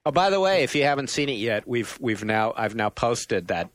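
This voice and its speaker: A man hosting a casual gaming podcast, chatty and quick to laugh. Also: medium pitch, sing-song, no room sound. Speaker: podcast host.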